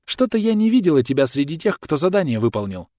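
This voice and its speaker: A man's voice: a little high, big pitch swings, quick pace, no echo, clean studio sound, pitched above the performer's own voice. A man doing a cheeky young woman, mock-servile. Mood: scornful. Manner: sly mock-submissive, then sharp and whining.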